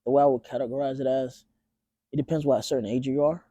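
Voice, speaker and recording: A man in his twenties, born in Tanzania, speaking as an interview guest in a relaxed, halting way with many fillers and restarts. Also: mid-range voice, dry recording, highs cut off. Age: 20s. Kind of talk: casual interview.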